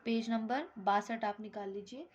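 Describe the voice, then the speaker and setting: A woman's voice: a little high, fairly even intonation, moderate pace, a little mellow, highs cut off, a little hiss or hum. A woman teaching a Hindi grammar lesson, explaining step by step, mixing English words into her Hindi and checking with "ठीक".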